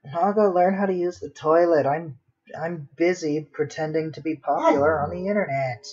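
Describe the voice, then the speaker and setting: This livestreaming artist draws and talks casually, muttering to himself in a self-deprecating way, with his dog close by at home. The lo-fi stream sounds dull, and his somewhat high voice is a little mellow and slightly rough, at a moderate pace.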